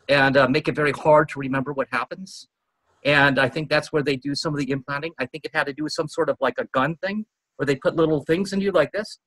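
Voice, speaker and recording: A man's voice: a little high, fairly bright tone, dry recording, low-quality recording. A man in casual chat as a guest, talking in an earnest, rambling way with frequent "uh" fillers.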